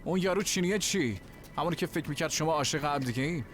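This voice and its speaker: A man's voice: on the high side, fairly bright tone, a little hiss or hum, lightly acted. A male actor playing a loyal, street-smart criminal with a casual, slangy way of talking. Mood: menacing.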